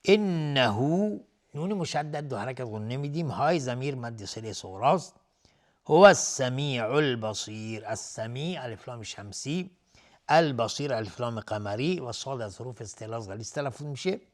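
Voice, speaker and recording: A man teaching Quranic recitation rules on a TV lesson. He chants verses slowly and drawn out, then explains each rule in quick, plain talk. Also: mid-range voice, lively intonation. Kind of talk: tajweed lesson with slow recitation. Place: TV studio.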